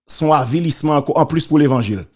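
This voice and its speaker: A man's voice: on the high side, fast, darkish tone. A man with a Haitian accent giving casual spoken commentary on church and politics, preachy and emphatic, repeating key phrases.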